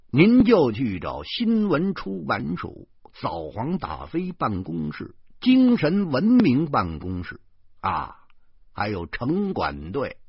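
A tired beat cop lectures slowly, dragging out his words and repeating his questions, as a male narrator voices him. The low voice is husky, the audio dull and lo-fi. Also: no room sound, full character voice. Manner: drawling, lecturing, with tag questions. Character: weary middle-aged male neighborhood cop, patient lecturing.

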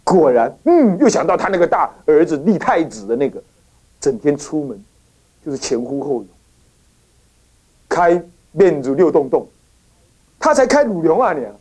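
Animated woman telling a dharma story. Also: deep voice, normal speed, long pauses, husky. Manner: animated storytelling, acting out each character with dramatic voices and sighs. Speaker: Buddhist teacher and temple abbot.

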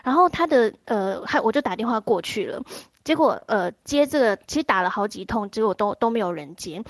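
A woman, telling a story on a talk show in an animated way, full of restarts and repeats. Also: on the high side, a little fast, dry recording. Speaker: guest storyteller. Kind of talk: casual storytelling on a live chat show.

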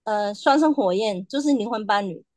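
A woman chatting as a podcast guest, telling her own story with animated quoted asides. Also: mid-range voice, no room sound. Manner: animated storytelling, quoting others in quick asides. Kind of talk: casual chat.

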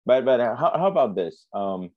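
A man hosting a conversational interview, halting and restarting as he searches for words. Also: medium pitch, sing-song, dry recording. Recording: dry, dull lo-fi sound.

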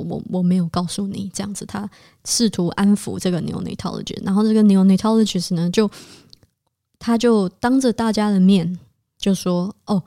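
A young woman hosts a podcast and recounts her hospital shifts in a relaxed, chatty way, with English medical terms dropped in. Her voice sits at an ordinary middle pitch. It is recorded close and dry, with no room sound. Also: dry recording. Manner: conversational retelling that mixes in English medical terms. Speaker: podcast host and resident physician. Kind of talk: casual storytelling podcast.

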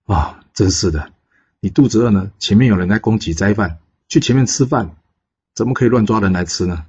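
A stern older Taoist master with a low, husky male voice, lecturing with reproach, as a narrator plays him. The recording is dull and lo-fi. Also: brisk, mellow. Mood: scolding.

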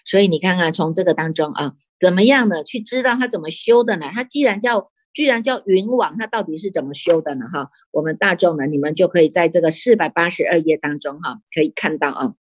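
A woman, a Buddhist nun with a Taiwanese Mandarin accent, giving a sutra sermon in an animated storytelling way, full of rhetorical questions and tag particles. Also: lowish voice, a little fast, few pauses, husky, dry recording.

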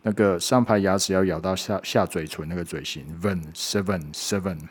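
Patient lower-voiced man teaching pronunciation. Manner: patient, demonstrates sounds slowly and repeats them, says "OK" often. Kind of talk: spoken lesson.

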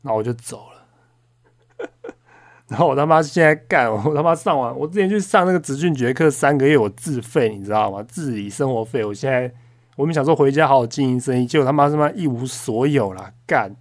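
A young man speaks in a middle-pitched voice. He rants casually as a podcast host, swearing constantly and stumbling into restarts as he tells his story. He sounds indignant and heated throughout. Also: expressive, fairly quick. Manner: frequent fillers and restarts, storytelling. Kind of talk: casual ranting monologue.

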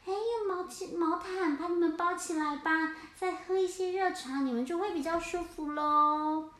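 A kind little penguin child, eager and helpful, chatters in a high, hurried voice, acted by a woman reader. The sound carries a noticeable room echo. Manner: bright, hurried and caring.

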